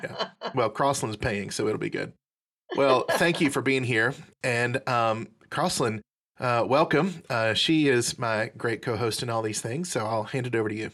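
A man's voice: mid-range voice, moderate pace, a bit bright. A man co-hosting a podcast, bantering playfully with his guest and co-host. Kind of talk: casual chat.

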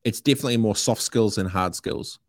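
A man's voice: fairly low pitch, brisk, no room sound, studio quality. A middle-aged man with a New Zealand accent, talking casually and emphatically as a podcast guest, with plenty of slang and swearing. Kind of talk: casual opinionated conversation.

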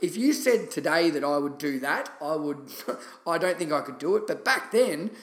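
A man's voice: fairly high pitch, lively intonation, normal speed. Australian man hosting in an echoey room. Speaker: podcast host. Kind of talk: casual solo podcast storytelling. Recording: roomy, echoey sound.

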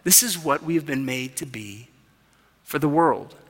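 A man in his thirties preaching a sermon as pastor, passionate, dropping to a hush and then rising loud. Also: on the high side, animated, unhurried. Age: 30s. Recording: reverberant hall.

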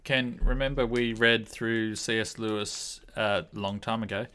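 A man's voice: on the low side, fairly even intonation, bright, forceful tone, smooth. Thoughtful man leading a Bible discussion. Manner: thoughtful, measured, with frequent ums. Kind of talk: reflective group discussion.

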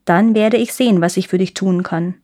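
A woman's voice: medium pitch, moderate pace, mellow, natural voice. A woman voicing a fierce, bossy little robber girl who talks bluntly and teasingly in a storybook reading.

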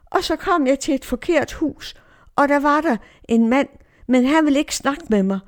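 A woman's voice: high-pitched, pitched above the performer's own voice, natural voice. A woman voicing a four-year-old girl who innocently explains how she got lost. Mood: earnest. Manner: innocent, plain recounting. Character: little girl of four, earnest and tired.

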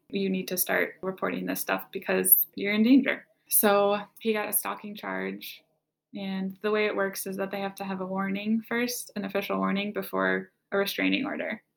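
A young woman with a gravelly, creaky edge to her voice tells her own story as a guest. She speaks candidly and slips into quoted back-and-forth dialogue as she recounts what happened. Her pitch sits in the middle range for a woman. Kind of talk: personal testimony.

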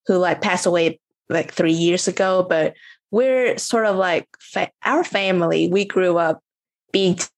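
A Vietnamese coach appearing as a podcast guest chats casually in an interview, rambling with lots of fillers and restarts. Her voice sits on the low side and moves unhurriedly, with no echo.

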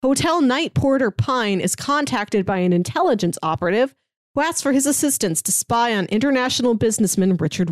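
Pitching films and reading out synopses, this podcast co-host keeps things chatty and casual, dropping hesitant asides along the way. She has a mid-range voice, captured in clean studio sound without any room noise.

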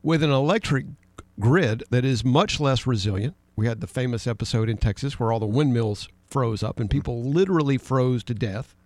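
A man's voice: medium pitch, moderate pace, a little mellow, dry recording. A middle-aged man co-hosting a conversational political talk show, speaking emphatically, reading news headlines aloud and keeping up a running exchange with his co-host.

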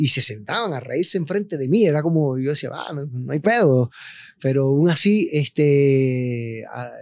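A man, a guest telling his story with animated, slangy chat. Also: on the high side, no room sound. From Cuba. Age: 40s. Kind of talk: casual interview chat.

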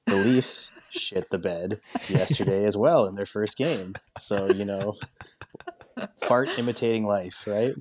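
A man's voice: lowish voice, measured pace, slight background noise. A man chatting casually and joking crudely, speaking on a phone from a basement at home. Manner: jokey, crude humour. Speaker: guest on a sports talk show.

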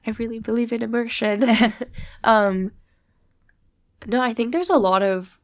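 A young adult woman from the USA chats casually as a guest, filling her speech with lots of "like." Her voice is on the high side with fairly even intonation and a slightly slow pace, captured as a dry, studio-quality recording.

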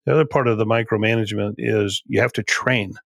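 A man's voice: lowish voice, fairly even intonation, fast, vocal fry, a bit bright, no room sound. A man, a company CEO, guesting on a podcast and explaining leadership in an emphatic way, often repeating and restarting phrases. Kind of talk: conversational podcast interview.

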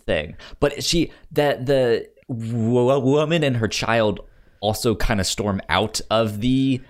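A podcast co-host speaks slowly at a medium pitch while chatting casually about films. He often stammers and repeats the opening sounds of words.

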